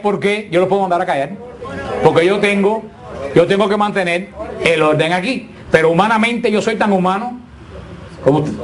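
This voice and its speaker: Man lecturing a Bible class. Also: high voice. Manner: asks the class questions, repeats himself. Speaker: Bible teacher.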